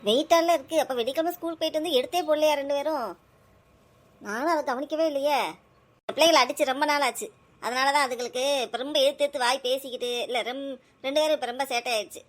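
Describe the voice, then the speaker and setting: A woman, playing a mother in a family skit who nags and scolds her children loudly. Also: high-pitched. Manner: scolding, nagging, loud and rapid.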